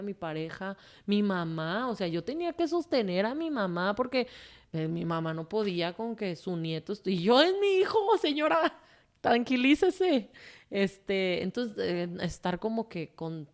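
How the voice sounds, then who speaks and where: A woman's voice: fairly low pitch, lively intonation, moderate pace, a little mellow. A woman with a Mexican accent, a guest telling her personal story in a candid, emotional way, swearing freely and rambling with fillers. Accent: Mexican Spanish.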